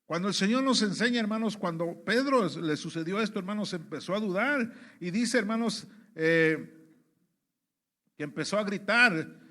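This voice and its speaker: A man from Mexico preaching a sermon, constantly calling out to his brothers with rhetorical questions and halting restarts. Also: high voice, animated, sharp tone.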